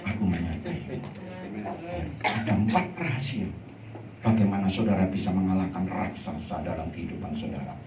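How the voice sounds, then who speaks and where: A male pastor preaching a lively sermon, his voice leaping high for emphasis. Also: a little fast. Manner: animated preaching, swoops high in pitch, mixes in Javanese phrases. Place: church hall. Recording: echoey church hall, mic at a distance, faint noise.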